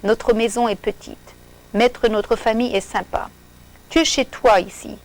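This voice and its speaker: A woman's voice: on the high side, fairly even intonation, measured pace. A woman voicing a welcoming father of four in a storybook, speaking in a plain, friendly way.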